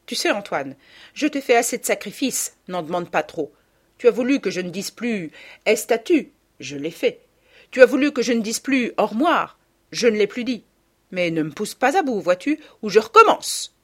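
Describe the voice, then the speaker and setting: A woman's voice: medium pitch, sing-song, normal speed, a bit bright. A woman reading a storybook, voicing a proud, quarrelsome provincial mother who scolds indignantly. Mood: defiant.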